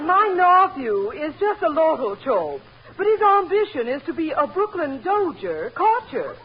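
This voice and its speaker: A woman's voice: sits high, big pitch swings, lo-fi sound. A woman playing a comic woman shopper who speaks with an exaggerated mock Chinese accent and draws out her words on a 1940s radio comedy show. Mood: teasing. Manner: broad comic put-on accent, drawn-out words. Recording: old 1940s radio recording, noisy, live audience laughing.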